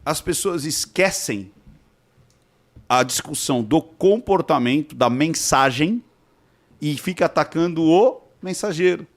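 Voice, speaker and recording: A man's voice: on the high side, lively intonation, measured pace. Explaining man, expert guest. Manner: explanatory, keeps checking with rhetorical questions. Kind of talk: casual interview conversation.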